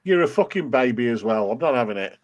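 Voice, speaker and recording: A man's voice: mid-range voice, lively intonation, fast, lo-fi sound. A man, swearing and teasing his friends in casual banter on a video call. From English Midlands. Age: 50s. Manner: swearing, teasing, laughing a lot.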